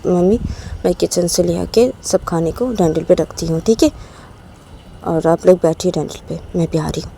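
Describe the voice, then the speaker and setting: A woman's voice: normal speed, vocal fry, dark tone, a little hiss or hum. A woman voicing a tearful young wife in a storybook romance, pleading in a raised voice. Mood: gentle. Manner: pleading, high-pitched apologies.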